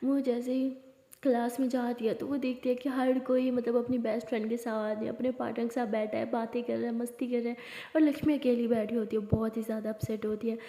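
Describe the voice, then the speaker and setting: A woman's voice: on the high side, level tone, fairly quick, dark tone. A woman narrating a love story in a plain, conversational storytelling way. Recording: roomy hall reverb.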